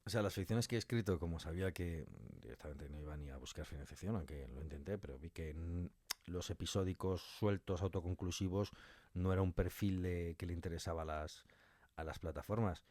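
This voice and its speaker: A writer and director appears as a guest in a casual interview, explaining his craft in colloquial, animated speech. His voice is low and fairly quick, and the recording is dry.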